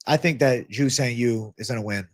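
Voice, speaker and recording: A man with a mid-range voice and a stuffy, congested nose hosts a casual livestream Q&A about fight betting, speaking at a moderate pace. He reads viewer comments aloud in a laid-back, slangy manner and swears freely.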